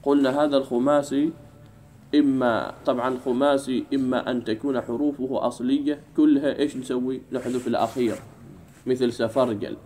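A man teaching an Arabic grammar lesson in a classroom, drawing out key words slowly and keeping the class engaged with questions. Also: medium pitch, steady tone, a little mellow, a little hiss or hum. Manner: drawls key words slowly, keeps asking "what?".

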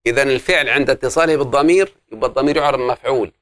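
A man teaches a classroom grammar lesson. He works through the rules step by step and keeps asking the class questions that he answers himself. His voice sits at an ordinary pitch and sounds dry and close. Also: racing, fairly bright tone, dry recording.

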